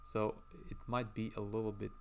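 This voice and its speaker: A man's voice: lowish voice, flat delivery, normal speed, vocal fry, darkish tone. A man streaming casually as he draws, rambling and chatting while reading out viewer messages. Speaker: livestreamer.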